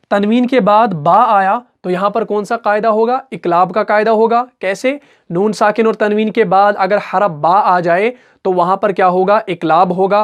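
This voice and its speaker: A man with an Urdu-speaking accent teaching Quran recitation rules step by step, asking questions and answering them himself, and chanting example words slowly with drawn-out syllables. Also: high-pitched. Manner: patient, repeats each example slowly. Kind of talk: step-by-step tajweed lesson.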